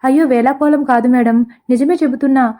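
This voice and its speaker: A woman's voice: sits high, steady tone, a little fast, dark tone, close to an everyday voice. A woman voicing a meek, polite young man who keeps apologizing, in a comic story. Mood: pleading. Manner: polite, pleading.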